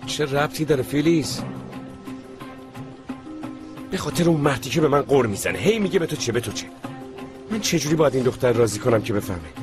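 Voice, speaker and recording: A stubborn young man who suspects everyone, dubbed by an actor. His mid-pitched voice presses and persuades. A loud score plays under him. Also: very animated, pauses often, lightly acted. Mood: insistent. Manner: insistent, persuading. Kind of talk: dubbed TV drama. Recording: dubbed dialogue over loud score music.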